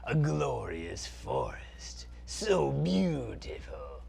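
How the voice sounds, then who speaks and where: A man's voice: medium pitch, wildly swooping pitch, extremely slow, vocal fry, a loud crowd, voice pushed up, full character voice. A man voicing a pompous villain sorcerer prince in a comic skit, haughty and theatrical, now and then dropping to a stage whisper.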